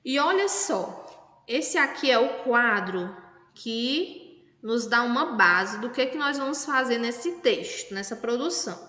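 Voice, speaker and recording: Slow, patient teacher woman, echoey room. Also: on the high side, expressive, sharp tone. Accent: Brazilian Portuguese. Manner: slow, patient, spells out syllables for children. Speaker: primary school teacher. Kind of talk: recorded remote class lesson. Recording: echoey room with long reverb.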